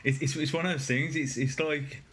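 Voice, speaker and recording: A man's voice: fairly high pitch, fairly even intonation, fairly bright tone, husky. A man interviewing a band member, asking questions casually and stumbling through lots of restarts. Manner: halting, many restarts and fillers.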